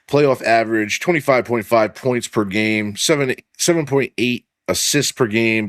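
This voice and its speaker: A man's voice: on the low side, dry recording, clean studio sound. A man hosting a casual sports podcast, swearing freely and leaning on fillers while he reads off stats. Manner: loose and profane, heavy on filler "like", reads stats aloud. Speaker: podcast host.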